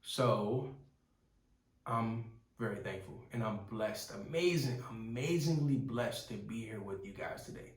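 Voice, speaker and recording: A man in his twenties gives an earnest personal testimony that rambles and keeps restarting. His voice is on the low side, animated and at a measured pace, recorded from some distance in a roomy space.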